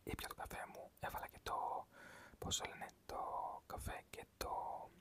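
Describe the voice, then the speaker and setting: Soft whispers carry this ASMR creator's meandering talk with viewers, where soothing affirmations mix with ordinary daily anecdotes.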